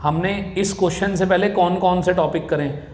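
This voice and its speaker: A man's voice: high voice, fairly even intonation, moderate pace, a little mellow, a little hiss or hum. A man teaching a commerce class, explaining step by step, calling his students "beta" and putting questions to them. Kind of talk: classroom lecture. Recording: echoey classroom with long reverb.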